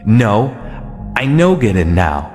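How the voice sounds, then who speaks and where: A man's voice: sits low, lively intonation, measured pace, warm tone, in a large hall, faint music behind. A man voicing a small young punk woman who is sick and fed up, speaking bluntly and with exasperation. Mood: exasperated.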